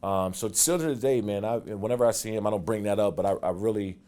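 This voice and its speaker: A man in his forties with a fairly low voice, recounting old football stories in a relaxed interview. He talks animatedly and rises to loud, quick bursts when the tale heats up. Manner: animated storyteller, gets loud and fast when excited. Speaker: guest, former football player. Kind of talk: casual storytelling interview.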